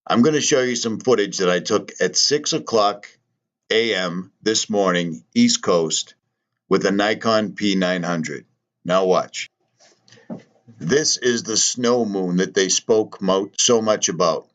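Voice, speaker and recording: A man's voice: lowish voice, slow, fairly bright tone, lo-fi sound. A man, talking casually in a vlog and pressing rhetorical questions. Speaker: channel host.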